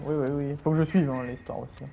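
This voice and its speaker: A man's voice: on the high side, fairly even intonation, fast, gravelly, lo-fi sound, noisy background. A man casually commenting on a game he is playing, rambling with many fillers and chatting to his viewers. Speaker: streamer.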